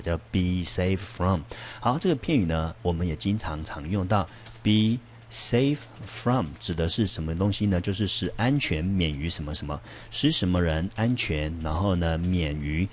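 A man teaching English vocabulary in Taiwanese Mandarin, explaining words with animated emphasis and frequent fillers. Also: slight background noise. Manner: animated, with sudden high-pitched emphasis and frequent "so then" fillers.

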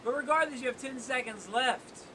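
A man's voice: moderate pace, pushed and bright. A young man hosting an outdoor workout, joking and counting down for viewers in a seaside cave. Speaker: workout host. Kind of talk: casual workout coaching. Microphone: camera on tripod at a distance. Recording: noisy outdoor recording with wave rumble.

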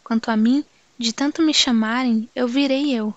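A man's voice: very high-pitched, steady tone, normal speed, fairly bright tone, no room sound, dull audio. A woman voicing an impatient, boastful young man in an audiobook, talking dismissively. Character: boastful young male northeastern metalworker, impatient.

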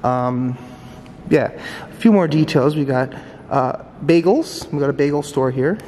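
A man with a fairly high voice talks casually as a vlog host. He addresses a handheld camera in a big echoey indoor space, with some background noise. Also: a little slow, warm tone. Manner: informal, laughs often, talks to camera. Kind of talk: casual on-location vlog chat. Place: large empty hotel lobby, indoors. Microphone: handheld camera at arm's length. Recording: echoey, reverberant lobby with clear background noise.

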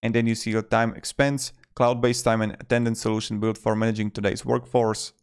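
Loosely phrased and brisk, a twenty-something video host narrates a casual review in a lowish, smooth voice with little pitch movement. He speaks close to a desktop microphone in a small indoor room.

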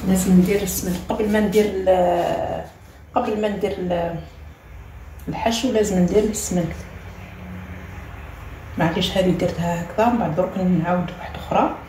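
A woman's voice: lowish voice, fairly even intonation, a little fast, pauses often, dark tone. A woman with an Algerian Arabic accent hosting a home cooking tutorial. She talks step by step as she works and keeps repeating short cues. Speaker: cooking channel host. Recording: echoey room with faint ambient noise.

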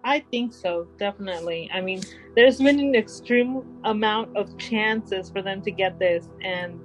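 A woman's voice: medium pitch, measured pace, faint music behind, rough recording. A woman co-hosting a true-crime podcast, giving blunt, outspoken opinions in casual chat. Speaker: podcast co-host.

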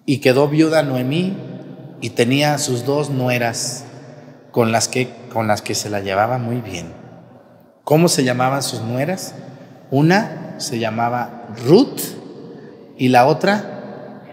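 A man, a priest, giving a lively homily, retelling a Bible story and asking his listeners questions. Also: medium pitch, takes it slowly, pauses often, in a large hall.

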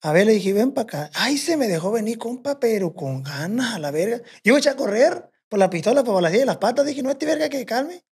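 Man, Sinaloan accent, husky voice, casual podcast storytelling, rambling and profane. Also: very high-pitched, very animated, fairly quick, few pauses, a little mellow. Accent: Sinaloan Mexican Spanish. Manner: rambling, profane, quotes himself and others. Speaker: podcast guest.

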